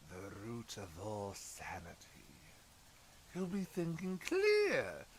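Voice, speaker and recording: A man playing the Joker as an unhinged, anguished and menacing clown villain in an audio drama, theatrical, swinging between hushed brooding and shouting. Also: medium pitch, huge pitch swings, slow pace, slight background noise. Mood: intense.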